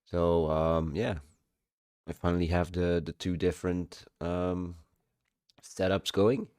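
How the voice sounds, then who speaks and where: A man streaming a casual update on his game progress, halting with many ums, and he has the hiccups. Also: low-pitched, level tone, darkish tone, clean tone, dry recording, studio quality.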